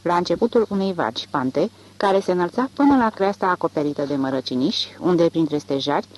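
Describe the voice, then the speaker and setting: An audiobook narrator reading literary fiction in a measured way. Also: mid-range voice, lively intonation, slight background noise, poor audio.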